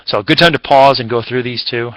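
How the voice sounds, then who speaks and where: A man's voice: mid-range voice, quick pace, a bit bright, no echo, low-quality recording. A man teaching a recorded math lesson in a casual, chatty way, with fillers and self-corrections.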